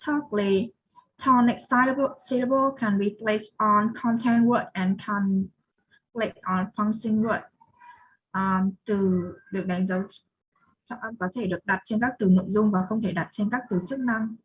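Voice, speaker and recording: A woman's voice: medium pitch, steady tone, a little slow, husky, rough recording. A young woman with a Vietnamese accent giving a student presentation, reading definitions and then explaining them again. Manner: reads slide definitions then restates them.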